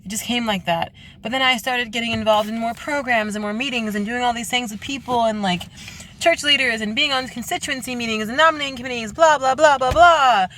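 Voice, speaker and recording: A young woman speaking earnestly in a confessional late-night vlog from her parked car, halting and restarting often. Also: fairly high pitch, sharp tone, a little hiss or hum. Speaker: vlogger.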